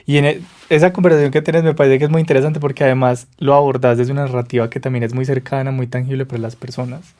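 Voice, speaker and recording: Podcast host, mellow voice, attentive interviewer. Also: male voice, mid-range voice, level tone, fast talker, few pauses. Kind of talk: interview conversation.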